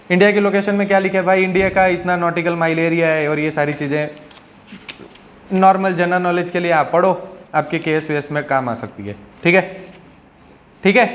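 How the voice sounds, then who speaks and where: A male teacher giving a classroom lecture in a conversational way, often checking in with his students. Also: high-pitched.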